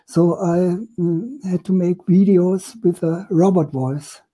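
A man, hoarse at the moment, talking in a halting, good-humoured way on a video call. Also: high-pitched, steady tone, mellow, low-quality recording. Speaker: guest presenter. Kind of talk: casual chat.

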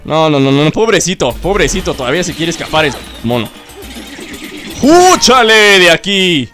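A young Mexican man with a Mexican Spanish accent, playing a video game and joking with it in casual let's-play commentary, bursting into shouts. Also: fairly high pitch, animated, fast talker. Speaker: gaming video host. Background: game music.

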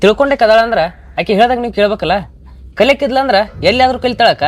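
A man's voice: very high-pitched, racing. A man playing a village uncle who reasons and advises, with a North Karnataka Kannada accent. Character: calm village uncle giving advice. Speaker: brother of the mother.

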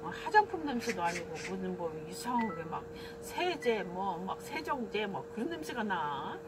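Animated woman telling neighborhood stories. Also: medium pitch, normal speed, over a noisy crowd. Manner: animated storyteller acting out her own lines. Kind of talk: casual chat.

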